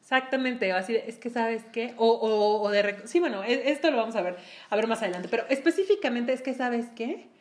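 A woman co-hosting a casual group conversation, laughing often and talking in an animated way. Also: a little high, a little fast.

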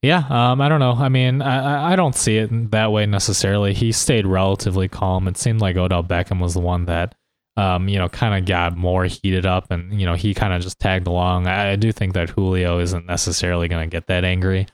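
A man's voice: sits low, flat delivery, fairly quick, clean tone, no echo. A man co-hosting a sports podcast on a close mic, chatting casually and a little hesitantly. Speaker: podcast co-host. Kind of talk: casual sports podcast chat about fantasy football.

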